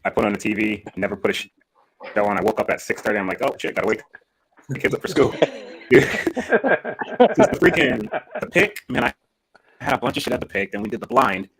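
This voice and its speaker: A man's voice: on the low side, lively intonation, fairly quick, gravelly, pauses often, a bit bright. A man chatting casually and rambling with frequent swearing, his mic crackling and scratchy from a loose cable. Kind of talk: casual chat. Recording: crackly home mic over a live call.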